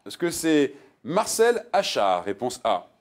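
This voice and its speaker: A quiz show host with a slightly high voice talks slowly as he reads multiple-choice questions on television. He's playful and jokey with contestants, emphasizing the answer options in a lively way.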